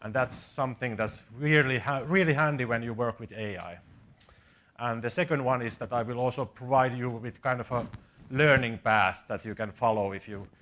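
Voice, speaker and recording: A Finnish man in his forties, a conference speaker and programming instructor, leads an informal, matter-of-fact live coding workshop with a Finnish accent. His mid-range voice is fairly bright, at a moderate pace. The setting is a small conference seminar room with a seated audience.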